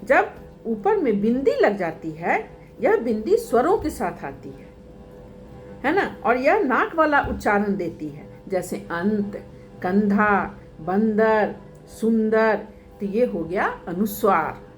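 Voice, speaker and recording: A woman teaching a grammar lesson, asking questions and then answering them herself, listing each item slowly. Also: fairly high pitch, huge pitch swings, soft background music. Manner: slow, deliberate, spells items out one by one.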